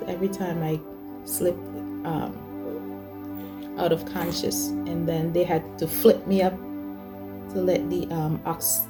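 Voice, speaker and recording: As host, a woman in her forties shares her personal testimony hesitantly, full of fillers and restarts. Her low-leaning voice is flat and slow with frequent pauses, and music plays underneath.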